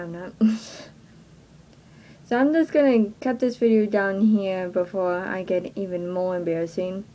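A young vlogger with a Texan accent and a mellow, mid-range voice makes a casual announcement to her viewers. She sounds hesitant and self-conscious, filling her talk with "like." She records on a close-range webcam in a small bedroom, and the audio is poor.

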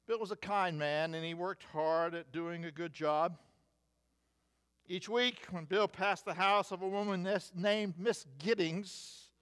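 An older American man preaching from a church pulpit in a fairly high voice. He reads through points with measured emphasis and slips in wry asides. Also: a bit bright, smooth. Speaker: pastor. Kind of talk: sermon. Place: church sanctuary, at a wooden pulpit. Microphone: pulpit mic, far camera.

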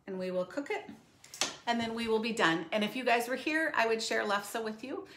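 A woman's voice: a little high, normal speed, fairly bright tone, a little hiss or hum. A middle-aged woman hosting a live home cooking demonstration, chatting to viewers while she works at the counter. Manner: chatty and friendly, talks to viewers while working. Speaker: cooking show host. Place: home kitchen, indoors. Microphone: fixed camera across the counter. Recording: roomy kitchen echo.

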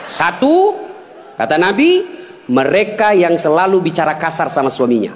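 A male preacher giving a humorous sermon, teasing his audience, shouting at times and crooning bits of songs. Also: on the high side, normal speed, background noise. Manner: animated, teasing, swings between shouting and crooning song snippets.

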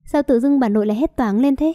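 A frowning young husband asking questions in a puzzled way, voiced by a woman narrator. The voice stays fairly high and mellow, since no male voice is put on. It is a storybook reading. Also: fast, muffled recording, close to an everyday voice.

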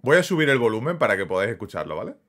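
A man with a Spain Spanish accent giving casual, excitable reaction commentary over gameplay, dropping quick tag questions to his viewers. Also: mid-range voice, a little hiss or hum. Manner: excitable, peppers speech with quick tags. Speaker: gaming YouTuber.

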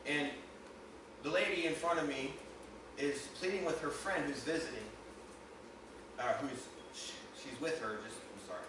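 A man gives a sermon testimony in a church sanctuary, moving from storytelling into emphatic preaching. His voice sits a little high. It comes from a distant mic in a very echoey hall, with clear noise behind it. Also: normal speed, long pauses. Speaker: guest minister.

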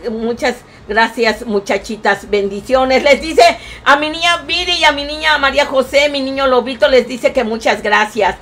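A woman with a Mexican accent live-streaming, reading viewers' messages aloud and doting on each of them with grandmotherly endearments, breaking into excited cries. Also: fairly high pitch. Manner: excitable, bursts of loud cries.

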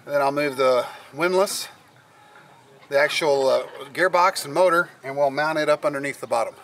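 On his sailboat, both outdoors on deck and inside the cabin, a middle-aged man walks viewers through a task step by step, speaking plainly and using fillers. The vlogger's voice is fairly high and a bit bright, at a moderate pace, picked up by a camera mic.

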